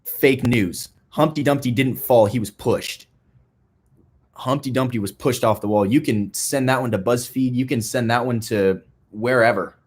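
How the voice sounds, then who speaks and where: Young guy, youth group speaker, deadpan joking conspiracy bit, talks to a live room. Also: medium pitch, normal speed, slightly rough. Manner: playful deadpan, mock-serious, rambling with restarts.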